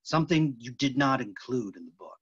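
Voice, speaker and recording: A medium-pitched, husky voice with lively intonation and a slightly fast pace carries this staged reading. The man plays an earnest, intense film actor digging for the truth, joining by video call from a room at home, where the audio comes out dull and muffled.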